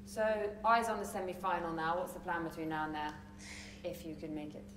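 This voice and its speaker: Speaking briskly in a fairly low, steady voice, a woman puts casual interview questions to guests as moderator of a sports press conference. It was captured in an indoor press conference room, where the distant mic picks up echo and faint noise.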